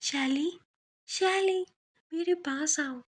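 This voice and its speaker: Woman putting on soft eerie ghost mother, hushed, high, slow, music behind.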